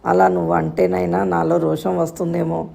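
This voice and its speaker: A woman's voice: fairly low pitch, flat delivery, moderate pace, vocal fry, dark tone. A woman voicing a timid, pleading young wife. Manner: pleading, tearful.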